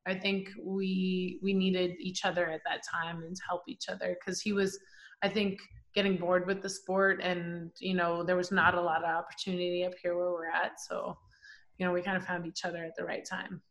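A woman in her forties, a professional boxer from Canada, telling her story in a casual interview, animated and full of fillers. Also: lowish voice, moderate pace. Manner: animated, chatty, many fillers like "like" and "um". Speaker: professional boxer, podcast guest.

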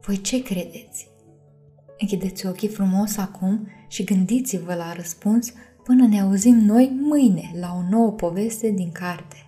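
A woman reading a bedtime story aloud, gently addressing her young listeners. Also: mid-range voice, faint music behind.

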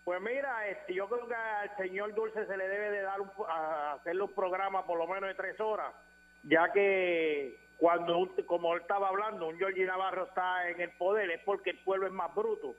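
A Puerto Rican caller rambles on about his point, pausing on fillers. His voice is high. It comes over a dull, muffled phone line with faint hum. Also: a bit bright.

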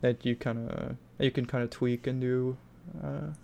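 A man's voice: mid-range voice, flat delivery, unhurried, vocal fry, a crowd in the background. A man with a blocked nose hosting a casual podcast, rambling and swearing freely. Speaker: podcast host. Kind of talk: casual chat.

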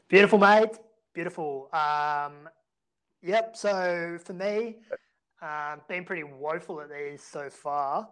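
A man's voice: on the high side, slow, fairly bright tone, clean tone. Blokey Australian man chatting casually. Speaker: fantasy rugby league podcast host. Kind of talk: casual sports podcast chat.

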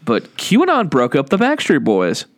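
A man's voice: a little high, huge pitch swings, a little slow. A man from the hosting a casual podcast, rambling with many fillers and restarts and laughing often. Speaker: podcast host. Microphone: studio microphone.

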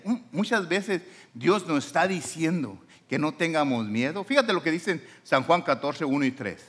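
A man's voice: fairly high pitch, a bit bright. A man preaching as pastor, emphatic, with his voice swinging up and down. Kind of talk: sermon.

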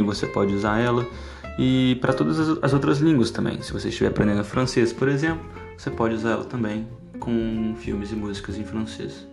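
A man's voice: fairly low pitch, gravelly, roomy sound. A man hosting a podcast lesson, explaining and talking directly to his learners. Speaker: podcast host and English teacher.

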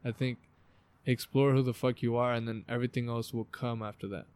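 Out in a backyard, a podcast host with an American accent delivers informal, emphatic motivational chat laced with swearing. He speaks a little fast in a medium-pitched, steady, smooth voice that's a little mellow.

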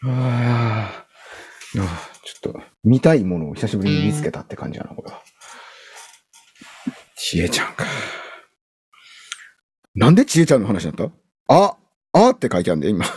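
Husky Kansai man, relaxed storyteller. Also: on the low side, normal speed, long pauses. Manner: relaxed, storytelling, playful joking. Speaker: podcast co-host. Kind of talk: casual chat.

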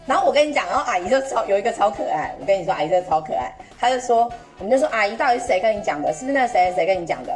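A young woman with a Taiwanese Mandarin accent telling a story on a podcast, animated and laughing, acting out an old customer's lines in Taiwanese. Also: medium pitch, racing, few pauses, soft background music. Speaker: podcast host. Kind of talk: casual chat, storytelling.

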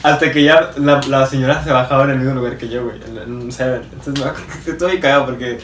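Animated young man with a Mexican accent. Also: mid-range voice, fast talker. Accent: Mexican Spanish. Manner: animated, slangy, acts out quoted voices. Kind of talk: casual chat. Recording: echoey room, mic at a distance, faint noise.

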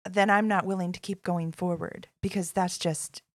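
A woman's voice: on the low side, fairly even intonation, normal speed, no echo. A woman co-hosting a casual talk, responsive and affirming. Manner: warmly responsive, many affirming interjections. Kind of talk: casual chat.

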